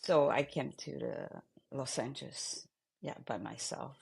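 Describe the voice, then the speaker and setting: An older woman from Taiwan, a pianist and composer, speaking in an interview and trailing off softly at the ends of phrases. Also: very deep voice, creaky, breathy edge. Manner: halting non-native English, trailing off softly at phrase ends. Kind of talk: interview conversation.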